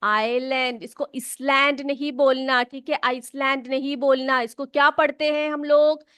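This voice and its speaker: A woman teacher from North India, explaining English words and spelling them out slowly, often checking whether the pupils follow. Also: high voice, flat delivery, a bit bright, no echo. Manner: slow, drawn-out spelling and frequent check-ins with pupils. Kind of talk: classroom English vocabulary lesson.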